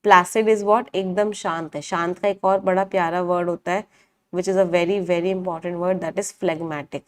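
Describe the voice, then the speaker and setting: A woman's voice: fairly low pitch, flat delivery, slow pace, clean tone. Woman teaching vocabulary in an online class. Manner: asks the class questions and answers them herself, repeats meanings. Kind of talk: online live class, Hindi-English mix.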